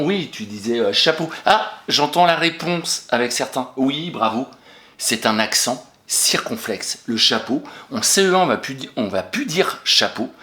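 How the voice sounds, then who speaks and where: A man's voice: medium pitch, fairly bright tone, roomy sound. French guy teaching little kids spelling over video, patient, lots of bravos, bouncy voice. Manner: encouraging, patient, questions and praises pupils. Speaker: primary school teacher. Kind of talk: remote spelling lesson for young children.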